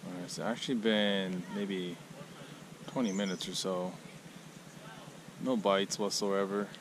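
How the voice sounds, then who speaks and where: A man's voice: low-pitched, unhurried. A middle-aged man hosting a casual fishing vlog at a lakeside park, chatty and laid-back, recorded on an action camera. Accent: Southern Californian. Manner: laid-back, chatty, excited bursts at catches. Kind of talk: casual outdoor vlog narration. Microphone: action camera mic. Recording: outdoor camera audio with clear background noise.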